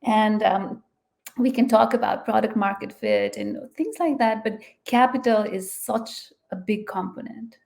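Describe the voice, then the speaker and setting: A woman's voice: medium pitch, very animated, unhurried, gravelly, a little mellow. A woman from Nepal answering interview questions thoughtfully, often checking in with "right?", over a video call. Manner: thoughtful, often adds "right?" and "you know". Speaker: guest.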